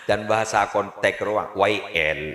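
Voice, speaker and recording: A man giving a humorous sermon, telling stories animatedly with sudden high shouts. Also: reverberant. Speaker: preacher. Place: evening public religious gathering at a home.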